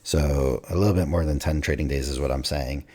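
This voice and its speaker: A futures trader with a very deep, breathy voice reviews his trades in a casual screen-recorded recap on a desk mic, going hoarse and clearing his throat as he loses his voice. He speaks a little fast in a steady, slightly mellow tone, rambling with many fillers and restarts.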